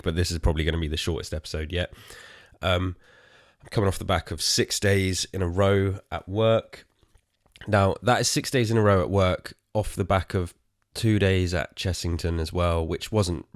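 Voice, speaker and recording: A weary male podcast host from England chats casually on his solo show, rambling, poking fun at himself, and swearing offhandedly. His very low voice is tired and hoarse, captured in a dry, close recording.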